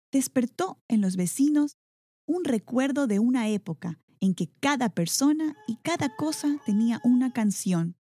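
A woman narrating a children's story aloud in an expressive, animated manner. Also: a little high.

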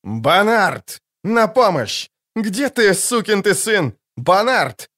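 A man voicing a desperate, bossy male mercenary leader who barks orders and yells at his men. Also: medium pitch, normal speed, close to an everyday voice. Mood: shouting. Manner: barking orders, yelling.

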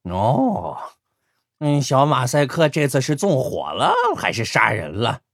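A man's voice: medium pitch, sing-song, a little slow, creaky, a bit bright, no echo, clean studio sound, full character voice. A man voicing a big childlike male mole who is greedy and dangerous, mumbling as he eats. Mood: playful. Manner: mumbling, playful, then sly. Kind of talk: audiobook character voice.

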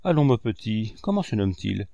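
A man's voice: lowish voice, very animated, fairly quick, creaky, dark tone, no room sound, dull audio. A man reading the lines of a stern but fair old male street showman, firm and businesslike.

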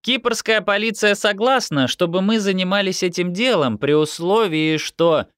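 A man's voice: high voice, normal speed, a bit bright, clean tone, dry recording, clean studio sound, voice pushed up. A man reading an audiobook, voicing a formal, officious female official who recites conditions one by one.

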